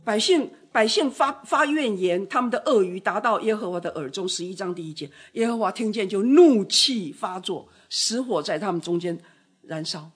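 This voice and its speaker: A woman delivering a sermon with a husky, breathy edge to her voice. She preaches dramatically, rising to loud outbursts and then dropping to soft, hushed words. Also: medium pitch, lively intonation, moderate pace.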